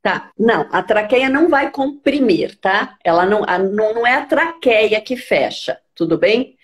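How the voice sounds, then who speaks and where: Brief: woman from Brazil, speech therapist, calm didactic explainer who keeps checking in. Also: medium pitch, moderate pace. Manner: patient, didactic, checks understanding with "tá?". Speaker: speech therapist answering questions. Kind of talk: explanatory health talk.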